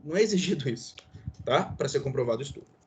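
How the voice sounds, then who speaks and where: A man's voice: medium pitch, animated, very fast, a little mellow, slight background noise. A man from Brazil with a Brazilian accent, giving a classroom law lecture as professor, explaining with many fillers and tag questions. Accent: Brazilian Portuguese.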